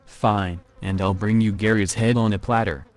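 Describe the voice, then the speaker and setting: A man's voice: fairly low pitch, steady tone, moderate pace, natural voice. A synthetic text-to-speech man's voice playing a blunt, sardonic vampire recruit in video game dialogue. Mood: dry.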